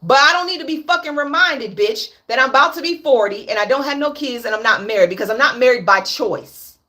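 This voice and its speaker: High-pitched, animated and a little fast, her voice comes across bright and forceful. The woman, in her late thirties, hosts a candid livestream where she talks bluntly, curses and repeats points for emphasis.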